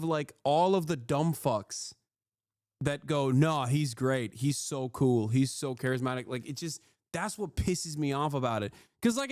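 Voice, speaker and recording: Male streamer, mocking and profane, smooth tone, close dry mic. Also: a little high, no room sound. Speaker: streamer reacting to clips. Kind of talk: casual live-stream commentary.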